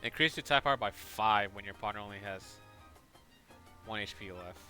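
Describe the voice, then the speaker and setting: A man's voice: fairly low pitch, brisk, music in the background. A man streaming a game, casually explaining its mechanics. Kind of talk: casual gameplay commentary.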